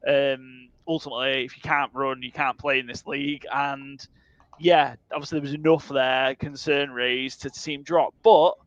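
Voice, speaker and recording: A man's voice: medium pitch, steady tone, normal speed, fairly bright tone, dry recording, dull audio. A man co-hosting a casual football podcast, joking and swearing as he reads out segment headlines. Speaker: podcast co-host. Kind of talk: casual sports podcast chat.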